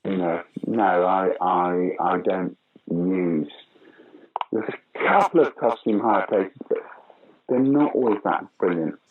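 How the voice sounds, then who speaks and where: This is a slow, low-voiced older British man who acts and directs pantomime. He talks casually with an interviewer, spinning anecdotes and giving the people in them acted-out voices. The sound quality is dull and lo-fi, carrying faint noise.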